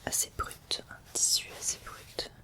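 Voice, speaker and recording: A woman's voice: normal speed, sharp tone. A woman hosting an ASMR unboxing, speaking in a whisper and soothingly addressing the listener directly. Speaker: ASMR video host.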